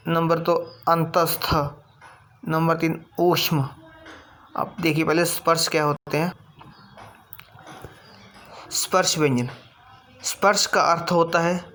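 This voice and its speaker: A man teaching a grammar lesson, explaining slowly and deliberately, repeating each point and drawing out sounds as examples. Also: fairly high pitch, a bit bright.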